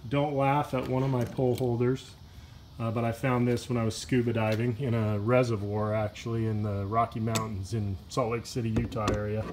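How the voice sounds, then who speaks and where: A man filming a casual vlog outdoors beside a pickup truck, talking in a relaxed, rambling way with lots of "uh" and "you know". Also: lowish voice, background noise. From Washington state. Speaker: kayak fishing vlogger. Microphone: handheld phone camera, filming himself off-screen.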